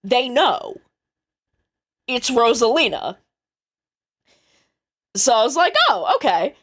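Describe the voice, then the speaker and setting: A woman's voice: fairly high pitch, lively intonation, slow pace. A woman streamer chatting casually on a live stream, rambling and thinking aloud, swearing now and then.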